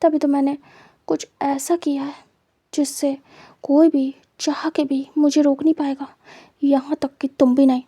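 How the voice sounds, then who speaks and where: A woman voicing a menacing, possessive young man who gloats and threatens in a quiet, low voice for a storybook reading. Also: level tone, unhurried, no echo.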